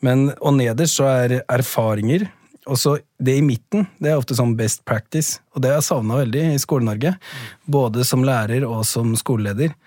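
A school principal being interviewed about his book, speaking thoughtfully with frequent pauses and fillers. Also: medium pitch, a little mellow, no echo, studio quality. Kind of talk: podcast interview.

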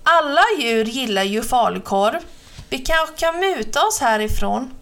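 A cool-headed boy talks in an easy, dismissive way, shrugging off danger. A woman reads him out in a storybook. His voice sits high and relaxed. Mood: laid-back cocky. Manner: laid-back, dismissive. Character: calm, cocky boy on a cycling trip.

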